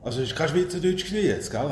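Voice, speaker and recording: A man's voice: on the high side, expressive, racing, heavy background noise. A man with a Swiss German accent preaching a sermon in a chatty way, often asking his congregation questions. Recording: roomy hall with faint ambience.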